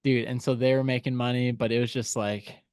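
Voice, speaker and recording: A podcast co-host telling a story in casual chat, animated and full of "like" and "dude.". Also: male voice, mid-range voice, brisk, smooth, dry recording, clean studio sound.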